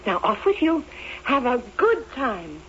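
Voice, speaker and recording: A kindly, forgetful fairy godmother, from a children's storybook drama. She speaks high and very melodically, with a theatrical magician's flourish. The recording is dull, with faint noise. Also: big pitch swings, unhurried, a bit bright, full character voice. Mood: fussing, kindly. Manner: theatrical magician, grandly incanting and exclaiming. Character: kindly absent-minded fairy godmother casting spells. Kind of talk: children's fairy-tale audio drama acting.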